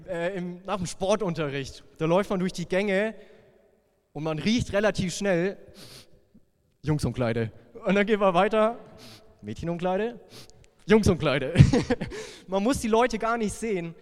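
A young man preaching a sermon, playful and lively, dropping to a hushed voice for tender lines. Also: sits high, clear, resonant tone. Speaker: youth pastor. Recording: long hall reverb.

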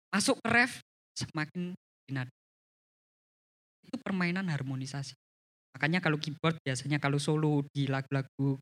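A man teaching a church leadership class on communication. He is lively and often tags his sentences with a questioning "ya". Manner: animated, frequent rising pitch, tags sentences with "ya".

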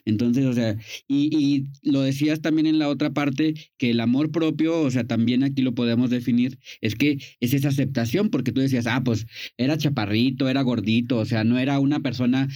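A man's voice: mid-range voice, fairly even intonation, a little fast, warm tone. A man reflecting casually in conversation, with loose phrasing and fillers. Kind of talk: casual chat.

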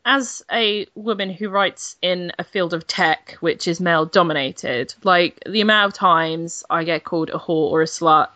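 A woman's voice: fairly low pitch, normal speed, hardly any pauses, dry recording. Blunt, swearing young woman on a podcast. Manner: blunt, swears freely, animated. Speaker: games journalist guest. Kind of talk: casual podcast chat.

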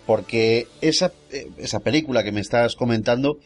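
A man's voice: mid-range voice, normal speed. Chatty Spanish man hosting over music. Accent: Spain. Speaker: film show host. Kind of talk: casual film discussion.

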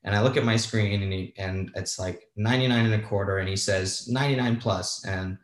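A man's voice: deep voice, fairly even intonation, brisk. Man telling a story in a roomy space. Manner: candid, self-deprecating, swears freely. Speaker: guest, former bond trader. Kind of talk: casual storytelling.

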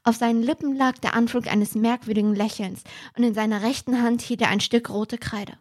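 A woman podcast host narrating a detective story aloud in a brisk, animated way. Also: on the high side.

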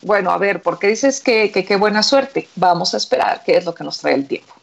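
A woman plays a wise old farmer who answers every twist calmly. The delivery stays measured and unhurried, close to a narrator's own voice. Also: medium pitch, gravelly, dull audio. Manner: calm, measured. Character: wise old male Chinese farmer, calm father.

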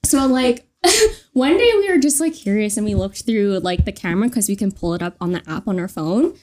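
A woman's voice: mid-range voice, lively intonation, normal speed, darkish tone. A young woman co-hosting a casual podcast, telling a story in a rambling way, packed with "like". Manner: rambling, filler-heavy storytelling with many "like"s. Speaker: podcast co-host.

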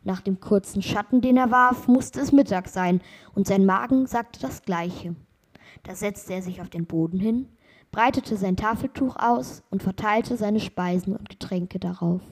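A woman reading a fairy tale aloud in a soft, often half-whispered storytelling voice. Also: mid-range voice, measured pace, husky.

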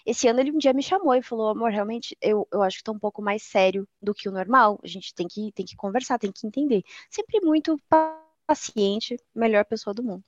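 A woman's voice: a little high, fairly quick, dry recording, dull audio. A woman chatting candidly, rambling with many restarts and quoted speech. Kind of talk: casual personal chat.

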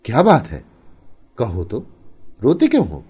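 A man's voice: fairly low pitch, big pitch swings, normal speed, warm tone, breathy edge. A man doing a stern, suspicious village husband. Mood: hurt.

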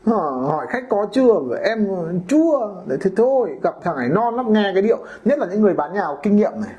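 A man's voice: sits high, sing-song, rapid-fire, dark tone. A man hosting a casual podcast monologue about real estate brokering, talking colloquially and acting out homeowners and brokers in quoted voices.

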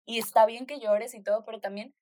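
A woman's voice: on the high side, steady tone, a little fast, mellow. Joking young woman chatting. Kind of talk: casual chat.

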